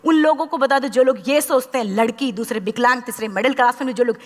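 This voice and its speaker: Woman, 30s, motivational speaker, passionate storytelling, slightly high voice, big hall reverb. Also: fast. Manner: impassioned storytelling, acting out quoted dialogue. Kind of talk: motivational speech to a live audience.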